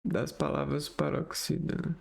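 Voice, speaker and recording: A man working through exam exercises aloud, slowly reading out words one by one and thinking aloud. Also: a little high, level tone, creaky. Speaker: exam tutor.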